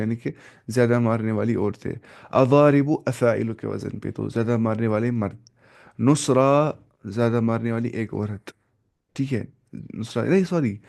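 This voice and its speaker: A man teaching an Arabic grammar class, slowly repeating word forms and correcting himself as he goes. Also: mid-range voice, gravelly, a little mellow. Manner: slow and repetitive, drilling word forms with self-corrections.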